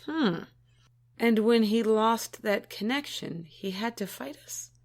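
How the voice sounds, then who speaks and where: A prim, disapproving female alien who looks down on humans, voiced by a woman in an audio drama. She speaks slowly and deliberately, in a slightly high voice. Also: expressive, darkish tone, full character voice. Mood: doubtful. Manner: disdainful, prudish, slow deliberate delivery.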